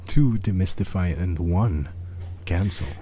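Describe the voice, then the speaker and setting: A man co-commentating a live card game match, relaxed and methodical as he runs through card lists. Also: low-pitched, unhurried, a little hiss or hum. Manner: relaxed, listing cards methodically.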